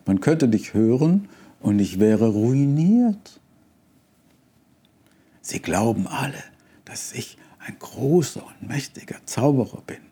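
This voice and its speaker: A man voicing a frightened little old male wizard who is a fraud, speaking in a trembling, pleading, hushed way in a storybook reading. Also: medium pitch, big pitch swings, slow.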